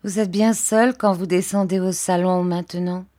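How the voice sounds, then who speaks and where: A woman voicing a gentle young husband who speaks to his wife in a low, hushed and tender way. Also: fairly even intonation, normal speed, lightly acted. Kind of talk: audiobook character voice.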